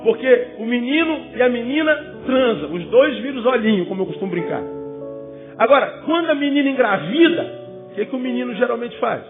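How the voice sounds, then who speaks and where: A man's voice: very high-pitched, sing-song, fairly quick. A man preaching a sermon to young people as a pastor, emphatic, with rhetorical questions and joking asides. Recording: phone-like, with loud music.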